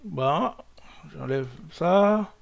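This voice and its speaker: A man hosting a coding lesson, talking slowly with many fillers and restarts, thinking aloud as he works. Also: a little high, expressive, vocal fry. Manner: thinks aloud while working. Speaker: coding tutorial host. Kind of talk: screen-recorded coding lesson.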